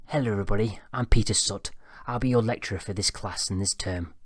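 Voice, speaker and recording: A man voicing a young male teacher with a rough, squeaky voice and a curt, irritated manner. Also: quick pace, dry recording, clean studio sound, natural voice.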